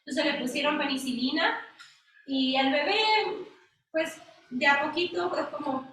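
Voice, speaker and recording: A woman with a very high, bright voice leads a church Bible study, drawing listeners in with questions. She is picked up from a distance in a strongly echoing room. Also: measured pace, a little hiss or hum. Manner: animated, engages listeners with questions. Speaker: women's Bible study leader. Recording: echoey room, mic at a distance.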